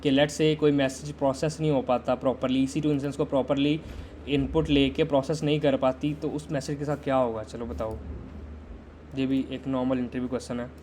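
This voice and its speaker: Flat-voiced man teaching system design. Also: medium pitch, brisk, a little hiss or hum. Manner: conversational, quizzes viewers and waits for chat answers. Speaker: tech instructor. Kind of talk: live-streamed system design lesson.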